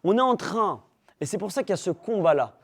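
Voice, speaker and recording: A man teaching a religious class to young people, animated, firing rhetorical questions at the room and teasing his listeners. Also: high-pitched, a little fast, breathy edge. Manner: teasing humor with the audience. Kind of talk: lively religious class talk.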